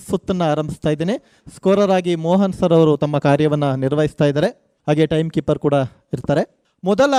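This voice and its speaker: A man runs a college quiz show on the radio, his voice a touch high and mellow. He spells out questions slowly and cheers the teams on with energy. The sound is dry and close. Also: no room sound. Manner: energetic, coaxing contestants, slow emphatic questions. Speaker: quizmaster.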